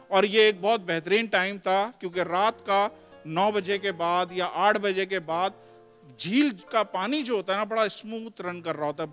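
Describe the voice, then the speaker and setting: Male pastor, high bright voice, sermon and scripture reading, reverberant hall, faint music underneath. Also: clean tone. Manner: explains terms, mixes in English words. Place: church hall.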